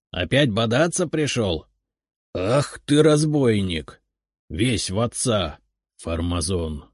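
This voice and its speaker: A man reading a story aloud, voicing a cranky, mocking old grandfather in a raised, shrill voice. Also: no room sound, clean studio sound, heavily acted. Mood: teasing.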